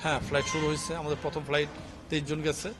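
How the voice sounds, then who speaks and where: A man's voice: on the high side, completely flat delivery, very fast, noisy background. A man with a Bangladeshi Bengali accent, a travel agency owner, explaining arrangements in an earnest, methodical news interview statement. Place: workshop venue, indoors.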